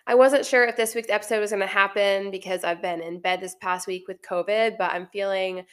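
A woman's voice: medium pitch, steady tone, a little fast, fairly bright tone, clean tone. A woman with a slightly congested voice hosting a health podcast, explaining things in a friendly, casual way. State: congested, recovering from illness. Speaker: podcast host, naturopathic doctor.

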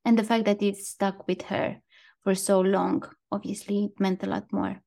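A woman's voice: mid-range voice, flat delivery, normal speed, gravelly, mellow. A woman co-hosting a casual podcast, talking in an easy chat and reading quotes aloud. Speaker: podcast co-host.

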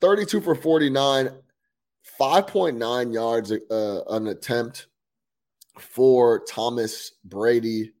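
A man's voice: mid-range voice, slow, darkish tone. A man co-hosting a sports podcast, chatting casually about football with profanity and frequent restarts. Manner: conversational, profane, stumbles into restarts.

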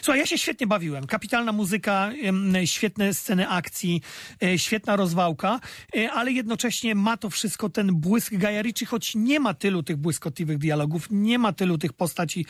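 A man with a high-pitched voice chats about films in a casual review. He talks with many hesitant fillers and restarts. The sound is dry and close to the mic. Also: dry recording. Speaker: film review co-host. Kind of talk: casual film review chat.

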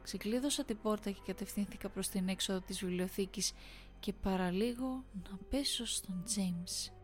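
A woman narrates a first-person horror story in a steady, even reading voice. Now and then she turns to speak to her listeners directly, with faint music playing behind her. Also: medium pitch.

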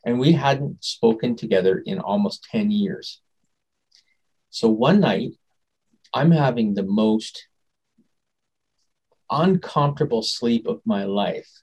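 A man being interviewed as a guest, telling a personal story in a rambling, animated way and often trailing off and restarting. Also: lowish voice, slow, pauses often, slightly rough, low-quality recording. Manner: animated, acts out quoted dialogue.

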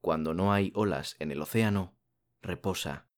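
This is a soothing guided sleep meditation from a low-pitched man who sounds like a bedtime story narrator. He keeps his phrases slow and calm, pausing at length between them.

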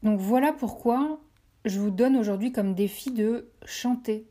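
A woman's voice: fairly high pitch, unhurried, dark tone. A French woman hosting a podcast, speaking directly to listeners in an encouraging way and repeating phrases for emphasis. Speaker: podcast host. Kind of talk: motivational podcast talk.

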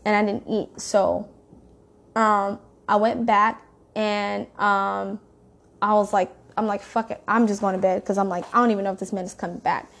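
A woman's voice: medium pitch, moderate pace, creaky. A woman telling a story in a casual, rambling way, swearing freely. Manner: profane, rambling, animated storytelling.

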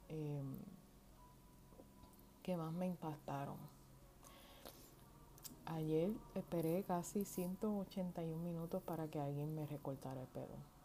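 Her voice is low-pitched and dark, carrying a Puerto Rican Spanish accent. Hosting a solo podcast from home, this woman from Puerto Rico rambles informally, mixing slang and bits of English, while faint outdoor noise from the yard seeps in.

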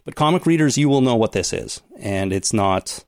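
A man's voice: lowish voice, expressive, normal speed, dry recording, clean studio sound. A man co-hosting a casual podcast, explaining things at length and giving spoiler warnings. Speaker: podcast co-host.

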